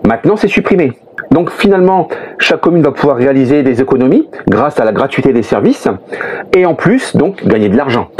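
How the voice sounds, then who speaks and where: Husky French man, chatty vlog explainer. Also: mid-range voice, very animated, brisk, a little mellow. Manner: chatty, explains step by step, frequent "hein" and "euh" fillers. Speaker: vlogger, father of a motorhome-travelling family. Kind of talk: casual explanatory vlog talk to camera.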